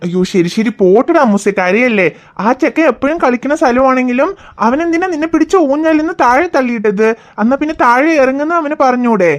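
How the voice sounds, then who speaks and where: A gentle cartoon father who calmly talks his children through their hurts, voiced by a woman. He speaks in a soothing, reasoning way, and his voice sits fairly high for a man. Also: fairly quick. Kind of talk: cartoon voice acting.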